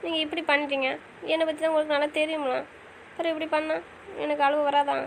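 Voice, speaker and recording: A woman acts out an audio drama in a pleading, questioning manner. Her voice is high and her delivery quick, with faint noise behind it. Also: flat delivery, poor audio. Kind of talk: casual audio drama acting.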